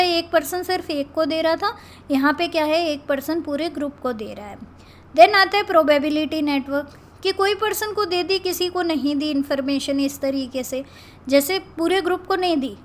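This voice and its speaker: A woman teacher giving a classroom lecture, explaining step by step and asking and answering her own questions. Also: high voice.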